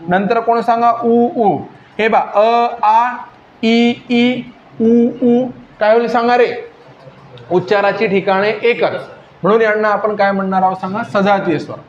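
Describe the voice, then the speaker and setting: A man's voice: high-pitched, reverberant, muffled recording, slight background noise. A man with a Vidarbha Marathi accent teaching a grammar lesson, repeating points and quizzing his students again and again. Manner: repetitive, keeps quizzing students with questions.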